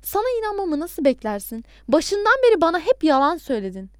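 A woman reading a furious, shouting man. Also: very high-pitched, sing-song, fairly quick, no room sound, studio quality, pitched above the performer's own voice. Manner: shouting, indignant. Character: adult man, shaken and furious, shouting on the phone.

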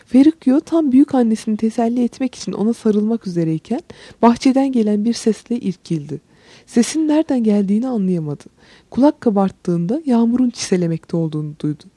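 A woman narrating a storybook in a calm, measured storytelling voice. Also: on the high side, husky, dry recording. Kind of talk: audiobook narration.

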